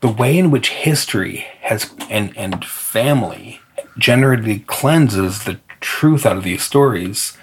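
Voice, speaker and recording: A man's voice: on the low side, expressive, measured pace, background noise. A man from northern Michigan co-hosting a podcast, talking things through in long, thoughtful, hesitant sentences. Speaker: podcast co-host. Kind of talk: casual discussion.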